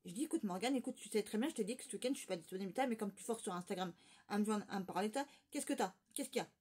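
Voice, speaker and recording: A woman's voice: medium pitch, lively intonation, rapid-fire, darkish tone, slightly rough. A woman vlogger telling a rambling, gossipy story in casual chat, with lots of fillers and restarts.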